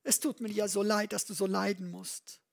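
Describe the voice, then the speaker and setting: A preacher voicing a doting old king who fusses tenderly over his sick son in a soft, cooing voice. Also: mid-range voice, level tone, moderate pace, vocal fry, pitched above the performer's own voice, natural voice.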